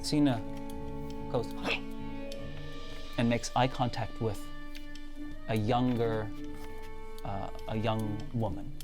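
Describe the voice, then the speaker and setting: A game master hosting and narrating a live tabletop role-playing game in a dramatic, halting way. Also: medium pitch, fairly even intonation, over music. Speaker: game master and show host.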